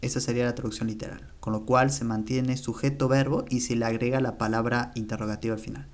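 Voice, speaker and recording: A man with a mid-range voice gives an online language lesson. He explains things patiently and slows right down to repeat each example word with care, lifting his voice on the words he wants remembered. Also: mid-range voice, little pitch movement. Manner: slow, careful repetition of example words. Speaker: language teacher.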